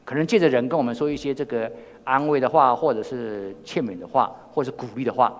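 A man's voice: mid-range voice, fast talker, highs cut off. Older Taiwanese-accented man preaching in a hall. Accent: Taiwanese Mandarin. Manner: storytelling, many repeated words and restarts. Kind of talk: sermon. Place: church hall. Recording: long reverb in a church hall.

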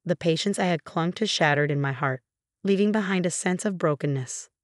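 A woman narrating a scripted first-person revenge story in an even, measured reading voice. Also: fairly low pitch, no echo, clean studio sound.

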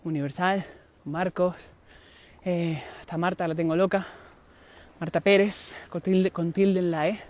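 A man's voice: high-pitched, steady tone, measured pace, a little mellow. A man from Tenerife, chatting on a live stream outdoors, confiding and laughing often as he talks to his viewers. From Tenerife, Canary Islands. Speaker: singer hosting a live stream. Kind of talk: casual live-stream chat. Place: outdoors near a road, moving about.

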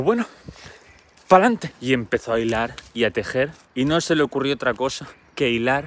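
A man's voice: medium pitch, fairly bright tone. A man telling a Greek myth in a chatty, slangy, playfully dramatic way. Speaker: storyteller. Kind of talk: comic myth storytelling.

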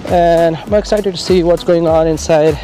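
A man vlogging casually to a handheld camera, upbeat and halting, with frequent filler sounds. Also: on the high side, fairly even intonation, warm tone, soft background music. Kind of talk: casual vlog talk to camera. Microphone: handheld camera mic.

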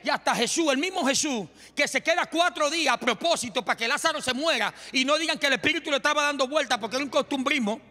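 A man preaching a sermon in a church, impassioned and often shouting, with joking asides. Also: very high-pitched, quick pace, hardly any pauses. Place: church sanctuary. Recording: long hall reverb with faint music.

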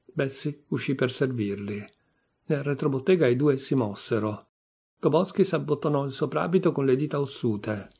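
A man reading a literary short story aloud with steady, measured narration. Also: mid-range voice, vocal fry, slightly rough. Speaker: audiobook reader.

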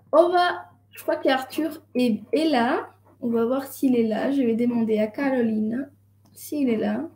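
A young woman with a high, mellow voice teaches a French class online from a room at home, explaining patiently and switching between French and Spanish. She's on a video call using a laptop mic, and the audio sounds roomy.

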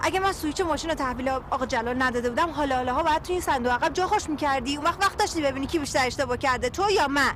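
An actress playing a bossy, quick-witted young woman who gives sharp orders and teases. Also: sits high, noisy background, close to an everyday voice. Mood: indignant. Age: young adult. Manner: sharp, commanding, teasing. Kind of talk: film dialogue.

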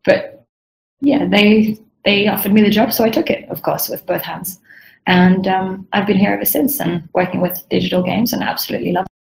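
A young woman from Sweden, a UI designer answering questions on a video call, chatty and rambling, often clearing her throat. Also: medium pitch, steady tone, normal speed, a little mellow, poor audio. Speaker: guest UI designer. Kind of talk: casual online Q&A.

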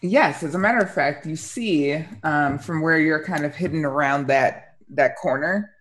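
A young woman narrating an improvised tabletop game as dungeon master, conversational and halting, on a headset call. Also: low voice, a bit bright. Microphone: headset on a video call.

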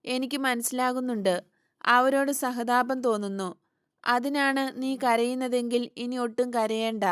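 A calm male teacher speaks with soft, unhurried kindness, voiced by a woman reader. The tone is clear and smooth, with a slightly high pitch for a man's role. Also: no echo, clean studio sound, close to an everyday voice. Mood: soothing. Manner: soft, soothing, gentle.

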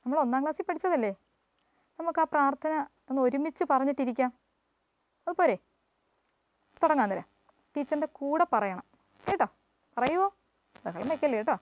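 A woman's voice: high voice, animated, moderate pace, pauses often, no echo. A woman from Kerala teaching children the catechism, coaxing answers with repeated questions and replying to them herself. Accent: Kerala Malayalam. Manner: coaxing, asks and answers her own questions.

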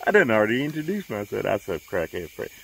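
A man voicing a brash, threatening male street hustler in a gruff, swaggering way. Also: on the low side, sing-song, quick pace, a bit bright, exaggerated voice, low-quality recording. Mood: menacing.

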